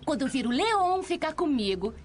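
A woman's voice: high voice, very animated, normal speed, slight background noise. A young actress playing a spoiled teenage girl who mocks and provokes her rival in a TV drama. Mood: taunting. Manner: mocking, provocative. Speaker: teen rival singer. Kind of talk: telenovela acting. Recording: TV soundtrack with music behind.

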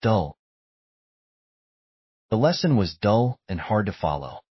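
A man reads vocabulary words and sample sentences at a very slow, deliberate pace. His voice is low and husky, yet his pitch moves in a lively way. The recording is dry and a little dull, lacking high end. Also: dry recording. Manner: measured, deliberate enunciation. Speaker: vocabulary reader. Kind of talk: slow scripted word-and-sentence reading.

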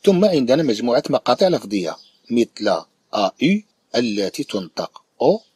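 A man with a Moroccan Arabic accent teaching a recorded primary-school French lesson, explaining slowly and repeating each sound and word several times. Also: medium pitch, big pitch swings, a little mellow, breathy edge, no room sound.

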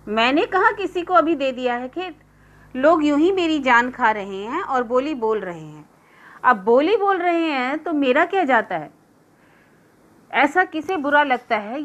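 A woman voicing a stubborn, defensive middle-aged village man in a story reading. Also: high-pitched. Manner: defensive, dismissive retorts. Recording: dull lo-fi recording.

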